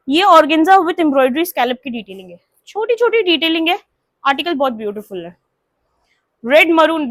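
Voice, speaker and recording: A woman's voice: high voice, fairly bright tone, dry recording. A woman showing and selling women's suits in a chatty sales talk, mixing English words into her speech. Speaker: clothing seller. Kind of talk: product showcase sales talk.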